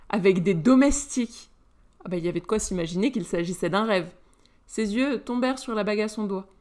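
A woman reading a romance novel aloud in a lively, animated way. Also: a little high. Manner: lively, animated, voices all characters. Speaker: narrator.

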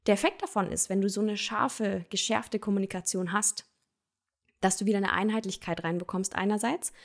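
A woman giving business coaching tips in a solo episode, talking straight to the listener in a direct, encouraging way and mixing English marketing terms into her speech. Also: mid-range voice. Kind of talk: solo tips podcast on copywriting.

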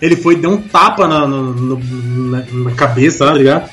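A man's voice: medium pitch, moderate pace, faint music behind. A man on a voice call, telling a long story to friends in casual chat with lots of slang and acted-out lines. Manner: animated, slangy, acts out other people's lines. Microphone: headset or desk mic on a voice call.

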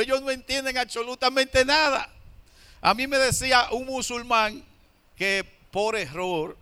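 A man preaching a sermon. His voice is high, bright and very clear. He slows down to stress points and answers his own questions.

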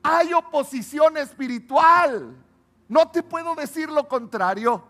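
A man preaching a sermon, swinging between loud emphatic calls and low hushed asides. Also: slow pace.

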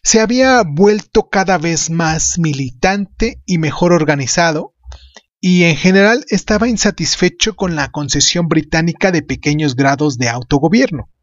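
Guy podcast host reading history script, highish voice, dry muffled sound. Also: moderate pace, dry recording.

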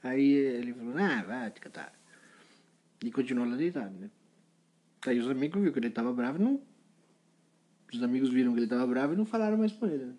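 Animated man telling a story. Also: mid-range voice, quick pace, long pauses. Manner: playful, animated storytelling with sound effects. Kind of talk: improvised children's story.

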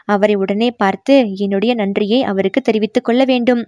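A woman's voice: medium pitch, fairly even intonation, moderate pace, warm tone, no echo, studio quality, lightly acted. A woman voicing a playful young royal prince in an audiobook reading, bantering and scolding by turns. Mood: teasing.

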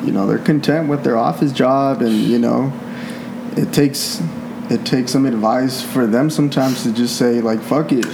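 A man with a mid-pitched voice does a casual podcast interview. The room is echoey and there is clear noise behind him. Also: normal speed.

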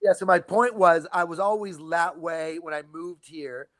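A man from Canada with a standard American, Californian accent, chatting casually and jokingly in an animated, sarcastic way. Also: on the high side, normal speed, no room sound, clean studio sound. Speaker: studio guest.

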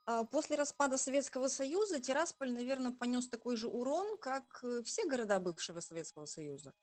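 A woman in her forties from Transnistria, a journalist speaking in an interview in a proud, thoughtful way with hesitant pauses. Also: fairly high pitch, animated, darkish tone, dry recording. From Transnistria, Moldova. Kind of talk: conversational interview.

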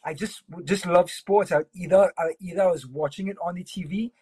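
Husky-voiced male sports broadcaster. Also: high-pitched, dry recording. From Trinidad and Tobago. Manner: relaxed, friendly, with fillers and pauses. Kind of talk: casual interview chat.

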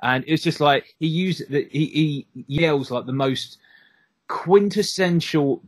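A man's voice: on the high side, slow pace, husky, no echo. A man chatting as a podcast co-host, joking about an episode. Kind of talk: casual chat.

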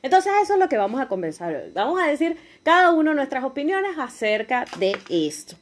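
High-pitched woman hosting a kids show. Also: sing-song, brisk, slight background noise. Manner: addresses children like a kids show host. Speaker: host of a children's podcast. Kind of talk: kids show host presentation.

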